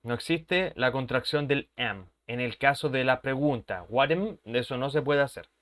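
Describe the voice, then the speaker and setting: A man's voice: medium pitch, normal speed, fairly bright tone. Patient man teaching English. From Chile. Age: 30s. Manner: patient, repeats points and keeps checking understanding. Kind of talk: language lesson explanation.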